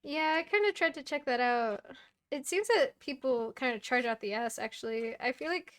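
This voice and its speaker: A woman who makes and sells handmade plushies, talking in a relaxed, rambling way in a casual chat with friends. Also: high-pitched, normal speed. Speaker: crafter selling handmade plushies.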